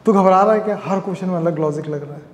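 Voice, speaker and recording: A man's voice: sits high, rapid-fire, reverberant, long reverb tail. A man teaching a physics class, joking with and teasing his students as he explains a problem. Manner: joking, scolding students playfully. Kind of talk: classroom lecture with banter.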